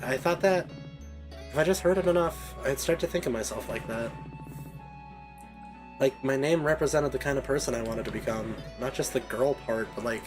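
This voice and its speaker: A man's voice: medium pitch, natural voice. A man reading game dialogue as an earnest, self-doubting young animal girl who dreams of adventure.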